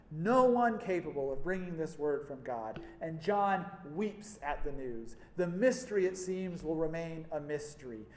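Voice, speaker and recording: High-voiced preacher man in echoey hall. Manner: storytelling, wry asides, varied emphasis. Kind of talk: sermon.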